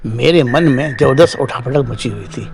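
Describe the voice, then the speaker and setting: A man telling a first-person horror story in steady, dramatic scripted narration, closing as the show's host. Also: mid-range voice, moderate pace, slight background noise.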